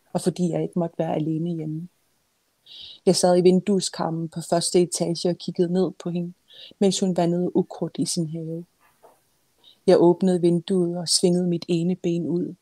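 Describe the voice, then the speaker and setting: A woman author reads a passage from her own novel in a low, mellow voice. She sounds close and dry, and when she speaks freely she pauses often and uses many fillers. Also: level tone, vocal fry, no echo.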